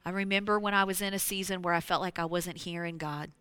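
A woman preaching a sermon to a congregation. She talks to them directly, slips into hushed whispers and then rises to loud exclamations. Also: fairly low pitch, fairly even intonation, quick pace, smooth, no room sound. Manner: addresses the congregation directly, with frequent "you know".

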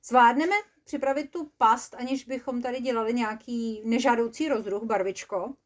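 A woman's voice: a little high, lightly acted. A woman doing a cautious bookish creature.

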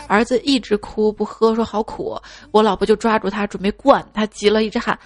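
A woman's voice: mid-range voice, steady tone, a little fast. A woman hosting a show of funny stories about children, reading them in a playful way and putting on childlike voices for the kids. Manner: playful, slips into childlike voices for kids' lines. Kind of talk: radio-style comic storytelling.

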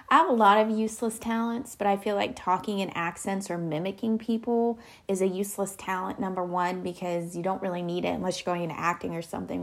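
A young woman hosting a faith-based question series, talking casually to camera and laughing between rambling answers. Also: medium pitch. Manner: chatty, rambling, laughs often.

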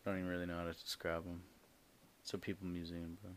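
A man with a very deep voice talks casually about the festival he helps organize. He drifts through fillers and restarts and stays relaxed. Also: slight background noise. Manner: laid-back, halting, many fillers and restarts. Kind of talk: casual podcast chat.

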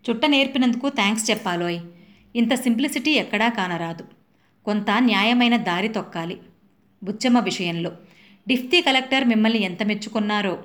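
A woman's voice: a little high, a little fast, a bit bright. A woman reading a short review of a classic play and its film, lifting her voice for quoted dialogue.

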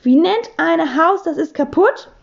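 A woman's voice: very high-pitched, expressive, measured pace, creaky, dull audio, pitched above the performer's own voice, heavily acted. A woman voicing a cheerful English teacher who speaks broken German with an English accent. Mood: chirpy.

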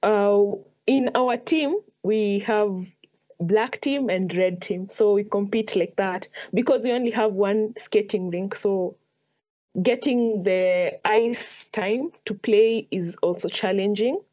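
A woman's voice: mid-range voice, slow, dark tone, lo-fi sound. A young woman from Kenya with a Kenyan accent, answering questions casually as a podcast guest. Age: young adult. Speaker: podcast guest, ice hockey player.

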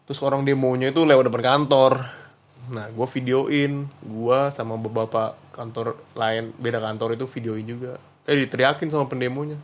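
A young man hosts a podcast, telling funny stories in a casual, slangy way and laughing at himself. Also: mid-range voice. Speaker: podcast host. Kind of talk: casual solo storytelling.

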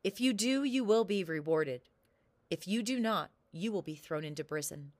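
Woman putting on a stern male king, loud, angry, commanding, storybook. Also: fairly low pitch, lively intonation, moderate pace, dry recording, lightly acted. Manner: commanding, roaring.

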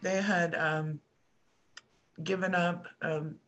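A middle-aged American woman telling a personal story as a podcast guest, halting and restarting often with soft trailing pauses. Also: fairly low pitch, flat delivery. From United States.

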